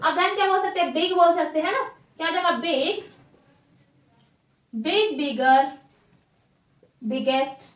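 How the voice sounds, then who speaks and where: A woman's voice: very high-pitched, brisk, fairly bright tone. A woman teaching a grammar lesson, asking questions and answering them herself and repeating key words. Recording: echoey room, mic at a distance.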